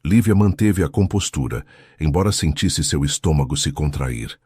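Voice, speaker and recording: Deep husky guy narrating a romance story, measured, dry recording. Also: lively intonation, a little mellow, dry recording.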